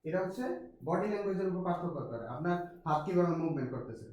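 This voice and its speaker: A man's voice: high-pitched, animated, rapid-fire, a little mellow, far from the mic. A man with a Bangladeshi accent teaching an English class, mixing Bengali and English and asking his students questions. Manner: mixes Bengali with English, asks students questions, frequent restarts. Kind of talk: classroom lecture. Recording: very echoey classroom with some noise.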